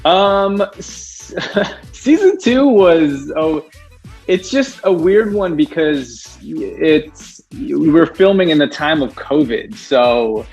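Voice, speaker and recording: A man's voice: a little high, sing-song, slow pace, creaky, a little mellow, husky, lo-fi sound, faint music behind. A young man talking as an actor guest in a casual interview, rambling with many restarts and frequent laughs.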